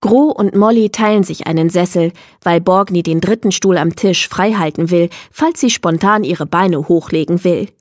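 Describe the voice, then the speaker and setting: A woman reading a children's book aloud as the narrator, telling the story in a clear, measured way. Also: lowish voice, darkish tone, dry recording, studio quality. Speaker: audiobook narrator.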